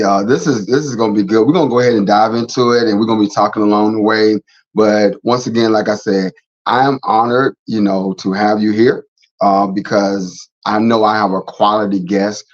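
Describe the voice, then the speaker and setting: A middle-aged man with a low voice hosts a casual faith talk show. He rambles, repeats himself and restarts his sentences. The recording sounds slightly dull and lo-fi. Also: fairly even intonation, brisk. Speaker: host.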